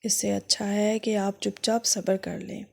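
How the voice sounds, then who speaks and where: A woman's voice: mid-range voice, level tone, gravelly. A woman voicing a secretive house maid. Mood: pleading.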